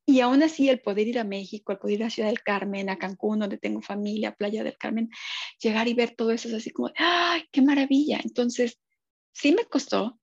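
A woman's voice: on the high side, steady tone, brisk, creaky, dry recording, highs cut off. A Mexican woman in her fifties, a guest telling her story with feeling on a video call. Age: 50s. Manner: warm, emotional storytelling with many quoted voices. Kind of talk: casual interview chat.

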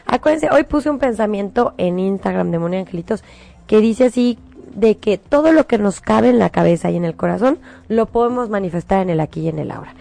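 A middle-aged Mexican woman, a show host, giving spiritual advice in a coaxing, animated way. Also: medium pitch, gravelly. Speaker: host giving angel predictions.

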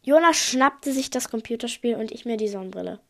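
A woman's voice: a little high, expressive, fairly quick, vocal fry, fairly bright tone, dry recording. A woman reading aloud from her own book, stumbling now and then and correcting herself mid-sentence. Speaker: podcast host reading her own story. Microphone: voice message recording.

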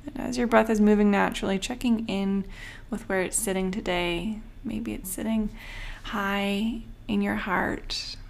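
With long pauses and a breathy voice that often drifts toward a whisper, a woman leads a soothing, unhurried breathing meditation as a coach. Her medium-pitched voice holds a steady, darkish tone.

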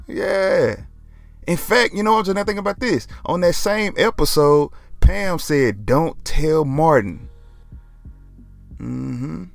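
Laid-back man with gravelly voice. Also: sits high, moderate pace, few pauses, no echo. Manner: laid-back, joking, says "man" a lot. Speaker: podcast host. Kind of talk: casual solo podcast talk.

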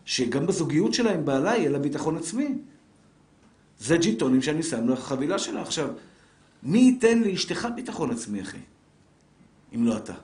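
Middle-aged male rabbi, slightly high voice, lively lecturing manner, live audience, roomy echo. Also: pauses often. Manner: lively, talks straight to listeners with rhetorical questions. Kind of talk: live Torah lesson to an audience. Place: lecture room with a seated audience. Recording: roomy echoing room.

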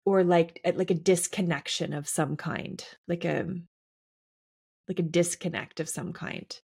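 A woman co-hosting a podcast and working as a coach, talking in a reflective, halting way with many fillers. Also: on the low side, steady tone, creaky, a little mellow, husky. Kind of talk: casual podcast conversation.

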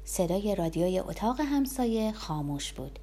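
A woman narrating a novel aloud in an even, measured storytelling manner. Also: medium pitch, a little hiss or hum. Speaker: audiobook narrator. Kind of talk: novel reading.

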